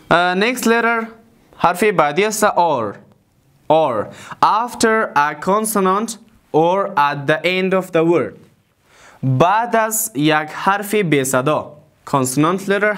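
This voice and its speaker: A man giving an English lesson. He says his example words slowly and deliberately, and repeats each one. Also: on the high side, a bit bright. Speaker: English teacher. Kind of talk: language lesson.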